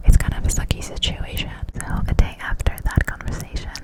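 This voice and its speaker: A person telling a casual story in an ASMR ramble, in a close-up cupped-hand whisper right at the mic. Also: brisk. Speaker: ASMR creator.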